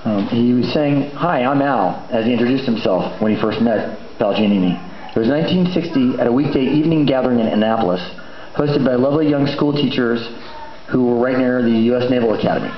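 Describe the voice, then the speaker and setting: A middle-aged man delivers an informal eulogy at an average pitch. He talks conversationally and haltingly, drifting into asides. The room echoes around him, and the recording is a little muffled with faint noise. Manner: conversational, hesitant, rambling with asides. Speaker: son of the deceased giving a eulogy. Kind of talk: informal eulogy at a memorial gathering. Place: large indoor memorial venue.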